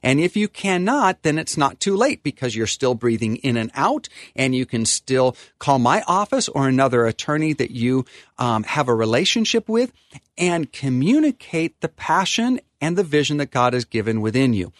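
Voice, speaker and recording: Man, attorney, earnest preacherly talk, lively pitch, dry close sound. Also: normal speed, no echo. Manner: earnest, preacherly, restarts with ums. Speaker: attorney guest. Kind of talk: conversational talk on faith and estate planning.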